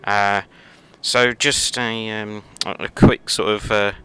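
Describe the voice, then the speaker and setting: A man hosting a casual let's play, talking in a rambling, halting way full of fillers and self-corrections, recorded at home on a headset. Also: on the low side, level tone, a bit bright, clean tone. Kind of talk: casual gameplay commentary. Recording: noticeable background noise.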